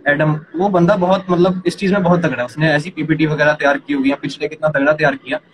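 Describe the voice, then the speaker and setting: A young man casually explaining startup funding to a co-host, talking quickly and animatedly. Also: on the high side. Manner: rapid, animated, addresses partner as yaar and bhai. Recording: noisy background ambience.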